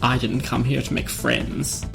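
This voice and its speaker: A woman voicing a mischievous male spirit of chaos in a dramatic comic reading, with gravelly, mock-sweet, hammy stage-actor delivery. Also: a bass voice, fairly even intonation, measured pace, over music, heavily acted. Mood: sly, mocking.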